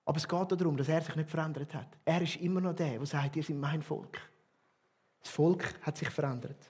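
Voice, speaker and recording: A man with a Swiss German accent preaching a sermon as a pastor, emphatic, with loud stresses and quiet drops. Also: fairly high pitch, fairly quick, slightly rough.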